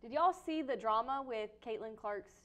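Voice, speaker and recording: Young woman, show host, slightly high voice, casual sports chat, quick to ask the panel questions. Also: lively intonation, a loud crowd.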